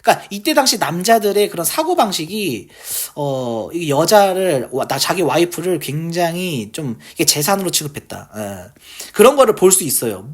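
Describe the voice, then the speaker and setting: A woman teaching from the Bible in a relaxed, chatty way. Her voice is slightly husky and breathy, and her pitch swings widely as she drives home each point. She keeps firing rhetorical questions at the listener. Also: normal speed. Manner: emphatic, full of rhetorical questions. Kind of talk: casual Bible teaching on camera.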